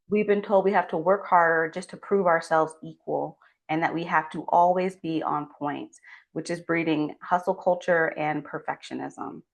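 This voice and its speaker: A woman giving a scripted motivational talk as a well-being coach, speaking earnestly and supportively straight to the listener. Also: sits low. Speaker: well-being coach and doctor hosting a channel.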